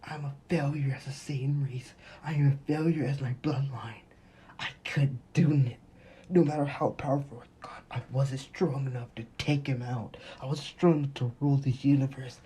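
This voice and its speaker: Man reads crying fallen prince, breathy, strained, dark tone. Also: mid-range voice, fairly even intonation, normal speed. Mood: despairing. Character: weeping defeated proud young warrior prince.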